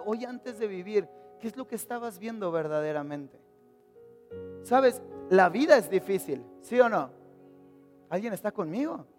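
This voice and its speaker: A man preaching a sermon at a church service, energetically questioning the congregation and joking with them. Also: high-pitched. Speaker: pastor.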